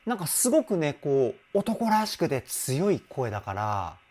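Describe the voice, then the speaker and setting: Enthusiastic Japanese vocal trainer man, lively pitch. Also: normal speed. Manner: enthusiastic, chatty, frequent hums and interjections. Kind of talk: casual music analysis commentary.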